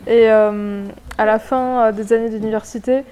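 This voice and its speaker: A woman's voice: a little high, steady tone, normal speed, mellow, smooth. A woman in her twenties telling her story in an interview, hesitant and full of fillers. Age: 20s. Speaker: art prep student. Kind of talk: casual interview answers.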